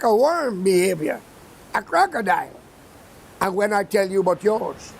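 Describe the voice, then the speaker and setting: A man's voice: extremely high pitch, a little hiss or hum. A man with a Guyanese accent gives a blunt, heated and profane political commentary monologue while seated. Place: seated indoors.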